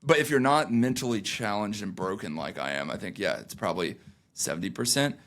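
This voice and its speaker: A man's voice: fairly low pitch, lively intonation, a little fast, a bit bright. A young man, a founder being interviewed, talking in a loose and rambling way with many fillers and restarts. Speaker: founder, guest. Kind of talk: casual podcast interview.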